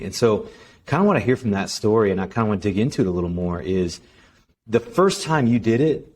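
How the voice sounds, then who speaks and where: Male interviewer, enthusiastic, affirming, fairly low voice, faint background noise. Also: a little mellow. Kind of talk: interview questions.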